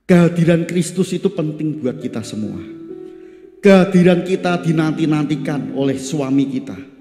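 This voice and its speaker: A man's voice: a little high, moderate pace, mellow, faint music behind. A pastor preaching in a chatty way to his congregation, asking them questions. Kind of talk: sermon. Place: church hall. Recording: echoey church hall with long reverb.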